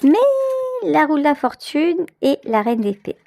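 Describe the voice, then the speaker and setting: High, animated and unhurried, this channel host's voice is gravelly yet warm as she gives an intuitive tarot reading. She chats directly to the viewer, improvising and repeating phrases for emphasis as she finds her way.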